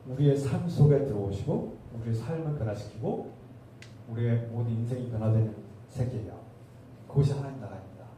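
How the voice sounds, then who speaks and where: A man's voice: medium pitch, dark tone, slight background noise. A male pastor preaching a sermon, asking the congregation rhetorical questions. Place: church sanctuary. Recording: distant roomy church recording.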